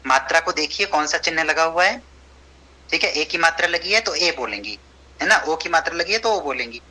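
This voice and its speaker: A man's voice: fairly high pitch, lively intonation, fairly quick, bright, forceful tone, poor audio. A man teaching an online class over a video call, patient and encouraging, slipping English phrases into his speech.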